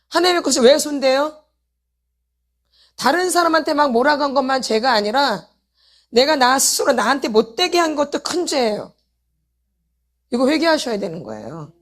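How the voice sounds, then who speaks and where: Woman preaching a sermon, high voice, urgent, repeated rhetorical questions, addresses the congregation directly. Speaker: pastor's wife leading a healing meeting.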